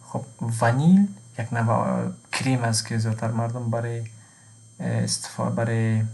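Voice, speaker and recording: A man with an Afghan Dari accent, teaching a slow language lesson who says each example word twice and then translates it. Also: medium pitch, a little mellow.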